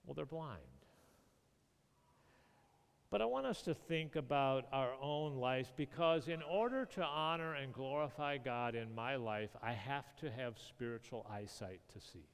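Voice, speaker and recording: A man preaching a sermon, acting out the people in the scripture with animated storytelling. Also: mid-range voice, unhurried, clean tone. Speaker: pastor. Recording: long reverb of a hall.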